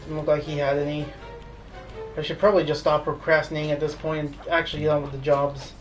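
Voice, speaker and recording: A man's voice: a little high, little pitch movement, quick pace, soft background music. A man streaming a game live, talking casually in a rambling way with lots of fillers. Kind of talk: live gameplay commentary. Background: game audio.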